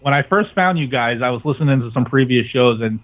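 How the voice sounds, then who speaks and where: A middle-aged man joins a talk show by call as a guest and chats casually. His medium-pitched voice is expressive and fairly quick, coming through a tinny, phone-like line.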